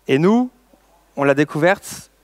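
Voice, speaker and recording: A man's voice: fairly high pitch, expressive, a little slow, darkish tone, dry recording. A man in his thirties from France telling a story in a conference talk, with many hesitations and restarts and playful asides to the audience. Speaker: social entrepreneur giving a conference talk.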